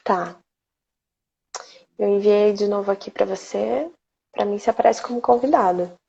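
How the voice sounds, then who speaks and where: A Brazilian woman hosts a relaxed live poetry stream, greeting viewers one by one. Her voice has a gravelly, mellow edge. The audio is slightly dull and lo-fi, like a home computer mic. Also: mid-range voice, moderate pace. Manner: chatty, greets viewers by name. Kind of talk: casual live chat.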